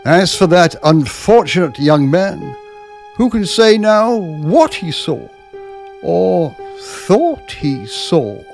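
A man's voice: sits high, very animated, takes it slowly, creaky, a little mellow, faint music behind, heavily acted. A man playing an injured, evasive doctor in a radio drama, speaking formally and hesitantly. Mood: grave, evasive. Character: injured male doctor, apologetic and evasive, insisting calmly. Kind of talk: dramatic radio play acting.

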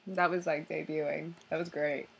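A woman's voice: low-pitched, level tone, normal speed, gravelly, a little hiss or hum. A young woman co-hosting a casual chat, teasing her friend and giggling.

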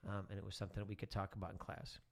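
A middle-aged man who teaches rambles in relaxed, casual podcast-guest chat full of fillers. He talks very fast, and his low-sitting voice has vocal fry.

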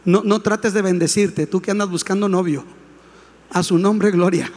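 A male pastor preaching a sermon, building to shouts and calling on the congregation to respond. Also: high voice, fairly even intonation, moderate pace. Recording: long hall reverb.

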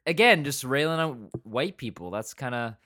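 A man co-hosting a casual podcast, talking loosely and wandering into quoted asides. His voice sits at an ordinary middle pitch. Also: expressive, moderate pace, bright, forceful tone. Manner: rambling, full of restarts and quoted asides. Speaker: podcast co-host. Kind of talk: casual review chat.

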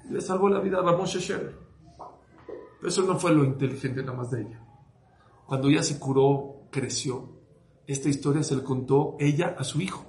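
Man, rabbi type, lively sermon storyteller, slightly high voice, roomy echo. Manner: animated storyteller who acts out the characters' lines and repeats words for emphasis. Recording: echoey room with faint noise.

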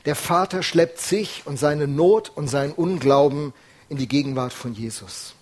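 A man's voice: a little high, normal speed. A male preacher giving an earnest, emphatic sermon full of rhetorical questions.

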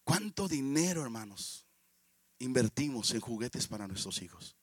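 A man's voice: medium pitch, very animated, normal speed, husky, no echo. A man in his fifties with a Mexican Spanish accent, preaching a sermon, telling stories and often calling out to the congregation. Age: 50s. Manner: storytelling, often calls out to the congregation.

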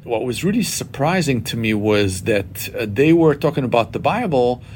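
A man in his fifties from Israel, telling his personal story in an interview in a measured, reflective way with frequent pauses and fillers. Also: mid-range voice, expressive, a little mellow, slight background noise. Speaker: interview guest.

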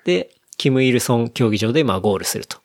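A man's voice: medium pitch, expressive, quick pace. A young man casually explaining a news story to a friend, with many fillers. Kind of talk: casual chat.

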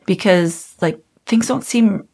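A woman in her thirties, telling her own story as an interview guest in a candid, reflective, halting way. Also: medium pitch, mellow, husky.

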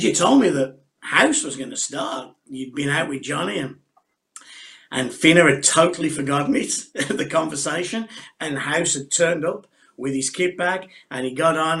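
Storytelling man co-hosting a podcast. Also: medium pitch. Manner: animated anecdote teller, leads the discussion. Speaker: podcast co-host. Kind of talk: casual sports chat.

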